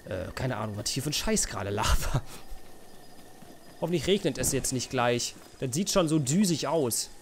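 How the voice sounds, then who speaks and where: A man's voice: medium pitch, animated, moderate pace, a little hiss or hum. Sarcastic young man commenting on gameplay. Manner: sarcastic, joking, mumbly asides. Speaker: let's play host.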